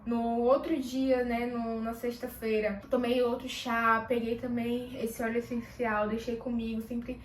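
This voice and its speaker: A woman with a high voice tells a personal story to the camera, casual and animated, briefly acting out bits of dialogue. She sounds a little far from the mic in an echoey room, with faint noise behind her. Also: measured pace, hardly any pauses. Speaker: vlogger.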